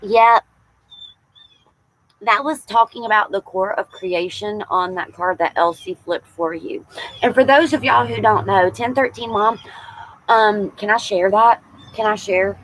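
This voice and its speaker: A woman in her forties, a tarot reader hosting a casual livestream, chatting warmly with viewers and calling them y'all. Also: medium pitch, a little hiss or hum, poor audio. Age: 40s.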